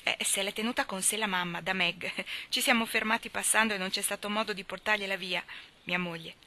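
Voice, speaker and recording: A playful, mischievous young man, voiced by a woman reading a novel aloud. He jokes in a jaunty way, and the tone stays bright. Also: mid-range voice, steady tone, brisk, close to an everyday voice. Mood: delighted. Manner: jaunty, joking.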